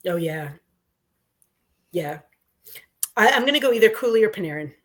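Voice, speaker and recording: A woman co-hosting a sports fan show, trading rapid-fire questions and answers in a casual chat. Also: medium pitch, animated.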